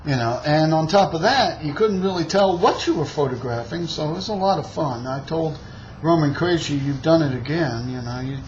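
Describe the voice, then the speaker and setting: An American man with a slightly high, animated voice speaks at normal speed, telling a long, rambling travel story in a casual way. He fills it with fillers and side remarks, like a storyteller wandering off on asides. The recording is dull and lo-fi, with a faint hiss.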